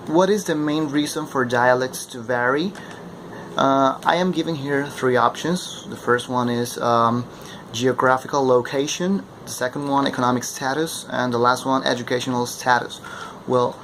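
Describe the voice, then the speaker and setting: Young guy presenting for class, keeps saying okay?, ac humming loud in the back. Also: medium pitch, unhurried. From Ecuador. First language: Spanish. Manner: keeps checking in with a questioning "okay?". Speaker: language student presenting. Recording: steady air-conditioning hum behind.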